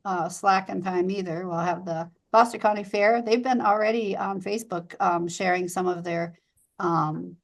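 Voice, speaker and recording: A woman guest talking casually in a small-town community chat. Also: mid-range voice. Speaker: interview guest.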